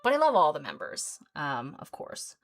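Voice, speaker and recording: A woman in her mid-thirties talks casually to her livestream viewers while she paints. Her voice sits notably low for a woman, and she rambles along with plenty of ums, likes and small giggles. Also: wildly swooping pitch, normal speed, fairly bright tone. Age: 30s. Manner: rambling, filler-heavy, giggly. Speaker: artist livestream host.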